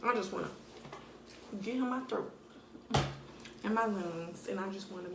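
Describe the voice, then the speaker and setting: A woman's voice: mid-range voice, normal speed, echoey room, very noisy. A young woman talking bluntly and animatedly in slang during a casual eating-video monologue at home. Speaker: vlogger.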